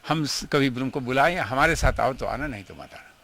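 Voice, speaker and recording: A man's voice: mid-range voice, animated, moderate pace, a bit bright. Earnest older man reminiscing. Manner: emotional, earnest storytelling, mixing in English phrases. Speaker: swami recalling his guru. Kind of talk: reminiscing interview.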